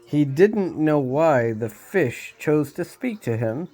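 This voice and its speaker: A man reading a storybook aloud, unhurried, with small slips he laughs off. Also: fairly high pitch, big pitch swings, mellow.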